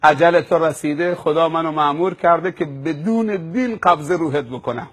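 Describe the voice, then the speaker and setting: A man's voice: fairly high pitch, lightly acted. A man voicing the stern, commanding male angel of death in a sermon story, speaking in firm, final pronouncements.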